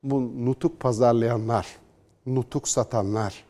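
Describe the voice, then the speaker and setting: A man's voice: mid-range voice, unhurried. A man giving opinionated solo political commentary, sarcastic and combative, mocking opponents with put-on quotes. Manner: reads news passages aloud in a flatter tone.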